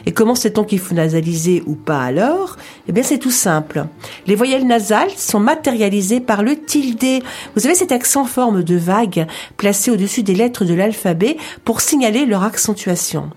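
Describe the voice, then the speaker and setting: A woman's voice: medium pitch, lively intonation, moderate pace, darkish tone, husky, faint music behind. A woman co-hosting a language lesson, confirming points and giving example words one by one. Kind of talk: scripted lesson dialogue.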